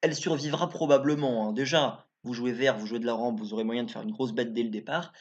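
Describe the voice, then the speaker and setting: A chatty, informal man talks through game cards in a casual YouTube review, thinking aloud as he goes. His voice sits at an everyday middle pitch. The recording is somewhat dull and lo-fi. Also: steady tone, fairly quick. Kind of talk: casual card review commentary.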